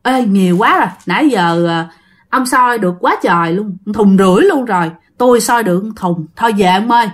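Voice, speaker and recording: A woman's voice: mid-range voice, animated, brisk, natural voice. A woman voicing a sly male ghost disguised as a fellow frog catcher, talking in a casual, teasing way. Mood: easygoing.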